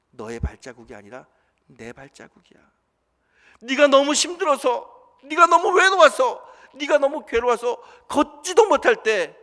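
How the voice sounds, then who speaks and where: A man preaching who voices a gentle, comforting adult male Jesus in a retold story, soft with rising pleas. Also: a little high. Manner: tender, soft then pleading. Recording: reverberant church hall.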